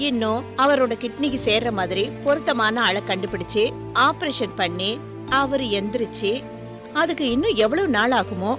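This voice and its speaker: Brief: an actress as a fretful older sister, fairly high voice, music bed. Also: female voice, lively intonation, normal speed, natural voice. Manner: worried and questioning. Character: worried elder sister, practical. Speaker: elder sister. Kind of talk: TV serial acting.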